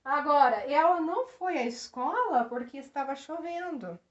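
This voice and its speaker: Lady teacher going over grammar, kinda high voice, echoey room, dull lo-fi sound. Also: expressive. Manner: explains slowly, checks in with "né?" and "tá?". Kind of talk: grammar lesson.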